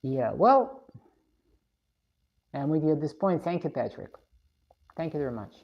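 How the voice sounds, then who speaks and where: A woman's voice: sits low, animated, measured pace, muffled recording. A woman from Russia, live streaming, reading viewer comments and giving blunt, opinionated views.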